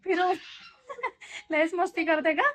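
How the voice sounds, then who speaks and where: A woman's voice: very high-pitched, fairly even intonation, measured pace. A mother chatting casually at home in her kitchen for a vlog, coaxing and playing with her toddler in a playful sing-song way.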